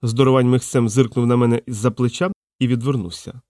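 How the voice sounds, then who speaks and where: Man, audiobook narrator, wry storytelling, mid-pitched voice, dry close mic. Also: fairly even intonation, fairly quick, darkish tone, no echo. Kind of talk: audiobook reading.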